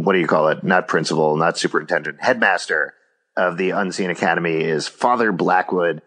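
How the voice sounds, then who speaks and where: Bright-voiced man co-hosting a podcast. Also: deep voice. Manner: joking, rambling, laughs often. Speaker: podcast co-host. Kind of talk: casual podcast chat and episode recap.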